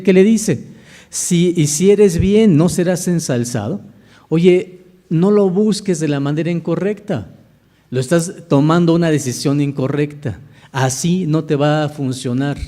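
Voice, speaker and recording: Mellow-voiced man preaching a sermon. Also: fairly high pitch. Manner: preaching with questions to the congregation. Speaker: minister. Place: church.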